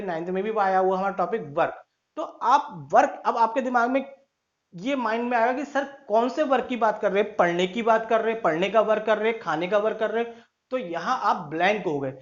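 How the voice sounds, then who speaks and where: High-voiced male tutor. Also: highs cut off. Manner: addresses listeners as children, tells stories to explain. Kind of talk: classroom lecture to students.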